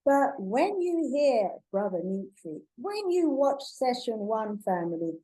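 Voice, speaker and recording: A woman's voice: on the high side, very animated, unhurried, low-quality recording. A woman hosting an online talk show, welcoming viewers as family and introducing her guest with enthusiasm. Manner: warm, affirming, addresses audience as family. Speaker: host.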